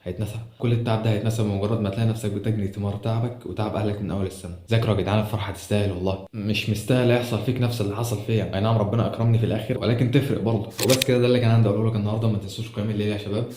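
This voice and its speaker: A man's voice: lowish voice, steady tone, very fast, hardly any pauses, mellow. A young Egyptian man with an Egyptian Arabic accent, telling an earnest, emotional personal story as a student vlogger, with frequent restarts. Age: young adult. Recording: roomy echo with faint noise.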